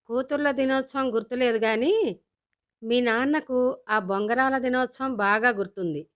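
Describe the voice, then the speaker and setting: Casting: a woman playing a sharp-tongued, practical mom, higher voice. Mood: wry. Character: wry middle-aged mother, scolding and practical.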